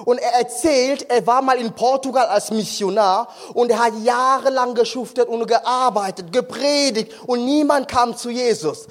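A man's voice: very high voice, moderate pace, few pauses. A male preacher giving an impassioned sermon at a conference, firing questions at the congregation. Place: conference hall.

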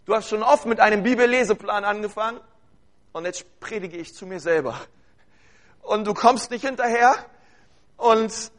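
A man's voice: high voice, a bit bright. A man preaching a sermon to his congregation. He speaks earnestly and urges them on, repeats phrases and addresses his listeners directly.

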